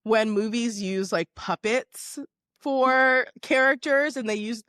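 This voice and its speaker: A woman's voice: on the high side, slow, a bit bright, clear, resonant tone, no room sound, clean studio sound. Upbeat chatty woman podcast host, lilt. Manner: chatty, filler-heavy, upbeat. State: hoarse, under the weather. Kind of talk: casual podcast chat.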